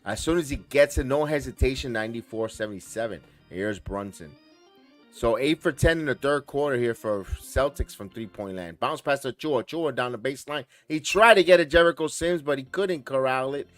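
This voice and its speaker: A man's voice: mid-range voice, a bit bright, faint music behind. Man calling live play-by-play. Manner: rapid play-by-play calls that rise and push on big plays, talks to chat viewers by name. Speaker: host and play-by-play caller. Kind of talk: live watch-along play-by-play commentary.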